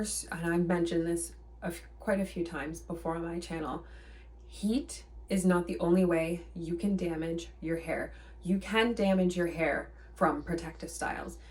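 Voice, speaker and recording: A woman's voice: fairly low pitch, darkish tone, far from the mic. Emphatic woman giving hair advice. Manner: emphatic, repetitive, reassuring coaching tone. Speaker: hair care vlogger. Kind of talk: direct-to-camera advice vlog.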